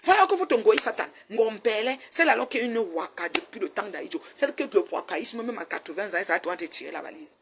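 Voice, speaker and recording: A woman's voice: mid-range voice, a little fast, hardly any pauses, noisy background. A woman in her fifties giving a casual, scolding rant, often repeating herself. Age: 50s. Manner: animated, repetitive, scolding. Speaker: online commentator. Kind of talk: casual ranting commentary.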